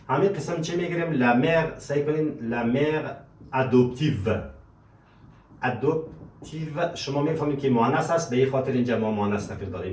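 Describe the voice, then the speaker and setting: A man teaching vocabulary, repeating words slowly and calling his students dear friends, in an echoey room away from the mic. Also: medium pitch, darkish tone, far from the mic, slight background noise. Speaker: language teacher.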